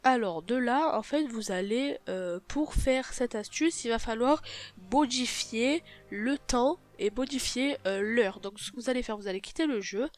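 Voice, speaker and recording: Stuffed-up nasal young-sounding woman, higher voice. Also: unhurried. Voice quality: nasal, stuffy blocked-nose voice. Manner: hesitant, self-correcting, apologetic. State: sick with a blocked nose. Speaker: YouTube gaming video host. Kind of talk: casual game tutorial commentary.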